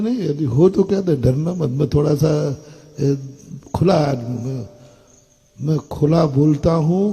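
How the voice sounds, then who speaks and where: A man's voice: fairly high pitch, mellow, slightly rough, poor audio. An older man preaching a sermon to an audience, blunt and scolding, asking his listeners questions. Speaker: Jain monk preacher.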